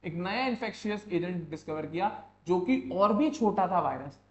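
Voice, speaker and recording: In an online exam-prep lecture recorded in an echoey lo-fi room with a faint hum, a man with a high, animated voice teaches biology in Hindi mixed with English terms. He reads English textbook lines slowly and then explains them in Hindi, asking students questions and repeating their answers back.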